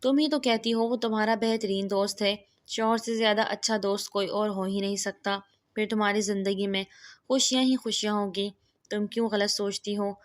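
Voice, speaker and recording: A woman voicing a gentle, reassuring young female friend in a read-aloud story. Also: mid-range voice, steady tone, natural voice.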